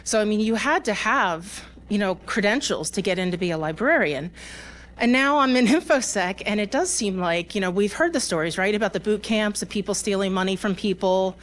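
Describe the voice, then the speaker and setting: A woman's voice: mid-range voice, brisk. A woman speaking at a security conference, conversational with fillers and restarts, laughing between points and talking with her live audience. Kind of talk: conference talk.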